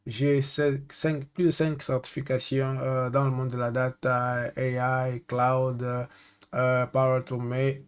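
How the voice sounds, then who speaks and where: An Angolan data consultant whose native language is Portuguese, with an Angolan accent, gives a hesitant screen-share tech tutorial. He often pauses to search for French words, and his voice is smooth and medium-pitched.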